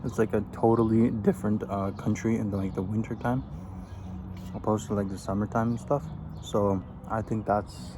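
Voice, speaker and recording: A twenty-something Afghan vlogger eats outside while casually answering get-to-know-me questions, relaxed and a bit rambling. He speaks at normal speed in a level tone, his voice sitting on the low side. The recording carries birdsong and background noise.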